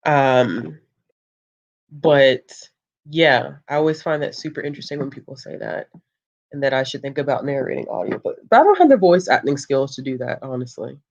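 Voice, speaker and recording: A gravelly, low voice belongs to a book channel host reading viewer comments on a casual livestream at a moderate pace. Calm and relaxed, the host laughs often and says um a lot, in a muffled recording.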